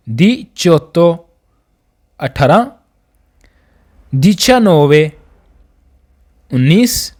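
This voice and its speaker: A man's voice: on the high side, a little mellow. A man teaching a beginners' language lesson, patiently repeating each word and drilling the class.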